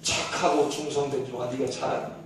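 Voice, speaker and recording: Male preacher as a hungry, resentful pastor; weary and grumbling, in a boomy sanctuary. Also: flat delivery, fairly quick, a little hiss or hum, close to an everyday voice. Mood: bitter. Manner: weary, sulky, pleading. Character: a despairing, grumbling middle-aged male pastor. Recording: echoey church hall, distant mic.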